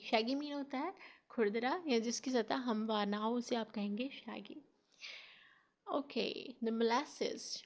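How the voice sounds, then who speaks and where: A woman with a mother tongue, teaching a spoken English lesson through slow, deliberate pronunciation drills. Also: a little high. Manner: slow, deliberate quiz-style word drills.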